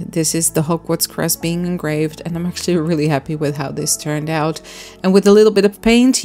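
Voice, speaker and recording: A woman's voice: low voice, vocal fry, darkish tone. A woman hosting a crafting vlog, explaining her miniature build step by step in a friendly, chatty voice-over. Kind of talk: casual voice-over narration.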